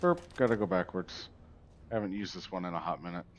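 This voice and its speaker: A man's voice: low voice, animated, fast, a little hiss or hum. A man streaming a survival game, chatting casually and rambling, easily sidetracked while talking to a viewer. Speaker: gaming streamer. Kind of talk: casual livestream chat.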